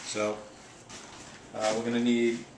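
In his home kitchen, a middle-aged man hosts a casual cooking show, chatting upbeat while he works at the stove. His voice is medium-pitched, monotone and slow, and the echoey room is full of loud sizzling with a little hiss or hum.

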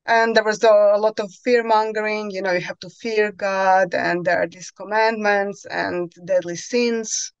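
A woman's voice: medium pitch, steady tone, unhurried, hardly any pauses, clean tone, no echo, dull audio. A woman in her forties with a Croatian accent, a podcast guest speaking English as a second language, often searching for words, talking over a headset on a video call from home. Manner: searching for words, many fillers. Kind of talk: conversational interview. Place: home room, indoors.

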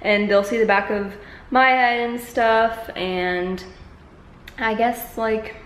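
This vlogger, a woman in her twenties, talks informally to a camera held at arm's length in a medium-sized living room. Her voice is fairly high, steady, slow, and a bit bright. The bare room sounds echoey, with a little hiss or hum.

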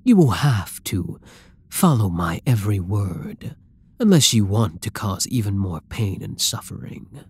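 This scripted ASMR monologue features a man as an obsessive, dominant supervillain who taunts a hero he has captured. His fairly low, darkish voice is breathy, husky, sing-song and exaggerated, recorded with no echo. The delivery is slow, possessive and menacing, frequently sinking to a whisper.

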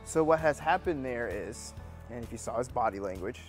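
A man's voice: medium pitch, expressive, normal speed, faint music behind. A man working as a dog trainer, teaching a hands-on training lesson indoors and coaching with upbeat praise.

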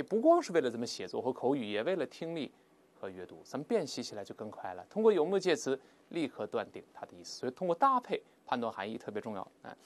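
Man, language teacher, vocabulary lesson, animated intonation, mid pitch, patient explanations, slow drawn-out example words. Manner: lively, drawls English words slowly for repetition; explains patiently with filler particles. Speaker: English teacher.

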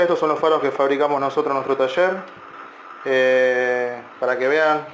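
A man's voice: mid-range voice, a little hiss or hum. A man, a repair technician talking through a circuit board in a loose, explanatory way with many fillers and restarts. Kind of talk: casual technical tutorial.

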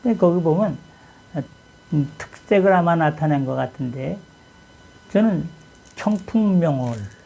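A man's voice: a little high, normal speed, creaky, long pauses, a little mellow, rough recording. A man from Chungcheong, Korea, hosting his own channel and talking casually about an old text, with a folksy manner and many rhetorical questions. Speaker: channel host. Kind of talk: casual talk on classic texts.

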